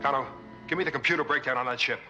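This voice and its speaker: Male actor playing a terse, authoritative space base commander, mid-pitched, 1970s sci-fi TV, loud music underneath. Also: very fast, natural voice. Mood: tense, urgent. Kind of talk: 1970s science fiction television drama acting. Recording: loud dramatic score behind dialogue.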